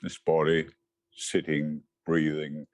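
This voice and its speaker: A male meditation teacher with an extremely low pitch guides listeners through gentle, measured instructions in short phrases, pausing between them. His delivery is completely flat, and the recording is dry.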